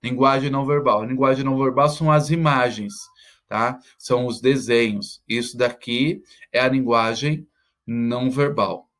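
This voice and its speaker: A man's voice: medium pitch, steady tone, normal speed, fairly bright tone. A man teaching, talking students through school exercises step by step and checking in with "tá?" after nearly every phrase. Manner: checks in constantly with "tá?".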